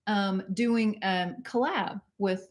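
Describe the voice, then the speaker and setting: A woman's voice: mid-range voice, takes it slowly. Woman, casual home livestream, giggly, rambling chatter. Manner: chatty and giggly, with many fillers and restarts. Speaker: co-host of a cruise channel livestream. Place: home indoors.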